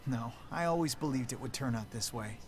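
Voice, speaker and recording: A man's voice: mid-range voice, fairly quick, soft background music, close to an everyday voice. A man playing an earnest, hopeful young hero in a video game. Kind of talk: scripted video game acting.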